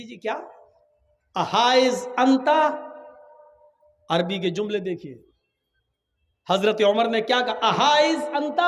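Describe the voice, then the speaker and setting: High-voiced preacher in a reverberant hall. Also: male voice. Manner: swings from calm storytelling to shouted exhortation; acts out dialogue in his stories. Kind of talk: sermon.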